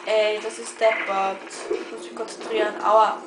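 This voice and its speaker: A woman's voice: medium pitch, flat delivery, normal speed, noisy background. A young woman with an Austrian accent giving casual, informal gameplay commentary and swearing freely. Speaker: let's play host. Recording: roomy echo, game music behind. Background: video game music.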